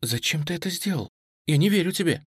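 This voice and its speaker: A man's voice: medium pitch, lively intonation, moderate pace, dry recording, studio quality, pitched above the performer's own voice, natural voice. A man voicing a frightened, tearful young woman who pleads in a trembling voice, in an audiobook reading.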